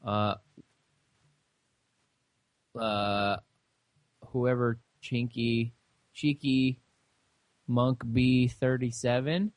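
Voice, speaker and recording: A young man co-hosting a casual podcast chat, talking in a halting way with lots of fillers and restarts. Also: mid-range voice, level tone, dry recording. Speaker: podcast co-host.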